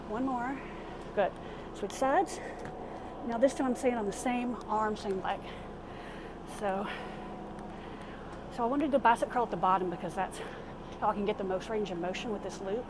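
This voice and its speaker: A woman with a slightly high voice leads a casual exercise demonstration. She gives informal instructions while moving through the exercises herself. The recording is made inside a small RV, with clearly audible vehicle-like background noise. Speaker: fitness instructor. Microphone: camera a few steps away. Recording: clearly noisy vehicle interior sound.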